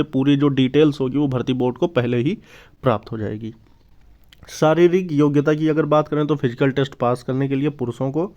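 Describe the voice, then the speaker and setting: The speaker is a male YouTube exam-news presenter with a medium-pitched, somewhat dark voice. He explains the news informally, going over his points repeatedly in different phrasings, and the audio has a dull, lo-fi quality.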